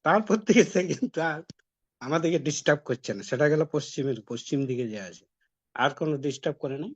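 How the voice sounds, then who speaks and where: A man's voice: on the high side, expressive, quick pace, breathy edge. A man giving a devotional talk, telling a personal story in a conversational way. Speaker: devotee preacher. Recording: dull lo-fi recording.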